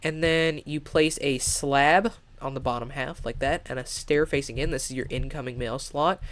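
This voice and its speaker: In a laid-back gaming tutorial voice-over, a young man with a stuffy, nasal voice walks through a Minecraft build, rambling and restarting often with plenty of fillers. He speaks at normal speed in a mid-range voice with fairly even intonation and a fairly bright tone.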